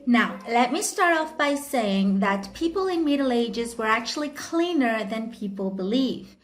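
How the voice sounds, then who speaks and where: A woman with a fairly high voice hosts a casual history explainer. She talks in a friendly, conversational way and breaks off for quick self-aware asides. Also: expressive. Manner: chatty, with frequent asides and light laughs. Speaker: history video host.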